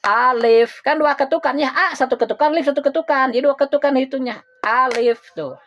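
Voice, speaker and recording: Give me a woman leading a relaxed Quran reading lesson. Her voice sits a bit high, and she patiently drills each letter sound, repeating it slowly. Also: muffled recording, slight background noise. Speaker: Quran recitation teacher.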